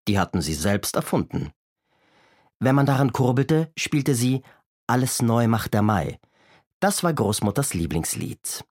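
A man reads a children's story aloud with an animated, expressive delivery. His pitch rises and falls freely, and the reading is carefully paced. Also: dry recording, clean studio sound. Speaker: narrator.

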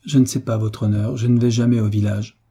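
A wary old servant answers his master in subdued, deferential phrases, as a male narrator puts him on. His voice is husky, low and dark, read as an audiobook figure. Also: fairly even intonation, fairly quick.

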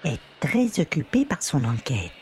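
A man's voice: fairly high pitch, huge pitch swings, measured pace, darkish tone, a little hiss or hum. A man voicing a stiff, officious male court clerk who answers curtly, in an audiobook reading. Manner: curt, officious.

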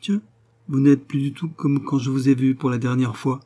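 A man's voice: mid-range voice, steady tone, moderate pace, mellow, voice pushed up, lightly acted. A man reading aloud who gives a cheerful, teasing young man his lines. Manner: cheerful, light.

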